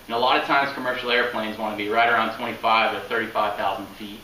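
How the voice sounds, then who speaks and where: This young adult student speaks fast in a fairly low, steady voice that comes across bright and forceful. His informal informational speech is filmed in a home room by a camera set a few meters back, giving a roomy, distant sound with a little background noise.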